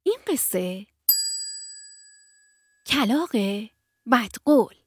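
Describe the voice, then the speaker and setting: A woman narrating a bedtime story for children on a radio show, in a gentle, sing-song way with small fillers. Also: sits high, sing-song, husky, no echo.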